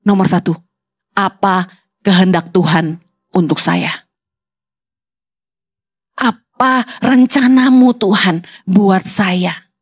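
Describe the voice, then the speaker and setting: A middle-aged woman pastor preaching a sermon, animated, acting out whiny petty prayers to mock them. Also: mid-range voice, slow, pauses often, breathy edge, dry recording, studio quality.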